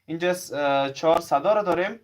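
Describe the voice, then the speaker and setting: Man teaching English. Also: on the high side. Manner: explains in Persian, reads examples slowly twice. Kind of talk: bilingual classroom lesson.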